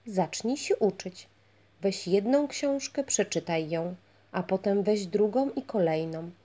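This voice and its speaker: A woman voicing a wise, kindly old wizard who speaks gently and patiently, in a storybook reading. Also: mid-range voice, lively intonation, unhurried.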